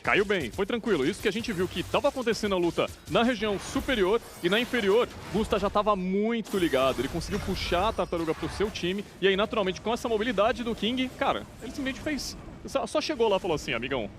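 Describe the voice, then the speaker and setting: A Brazilian man speaks as an esports analyst in a somewhat high voice. He explains the match in a conversational way. Soft music plays behind him. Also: expressive, quick pace.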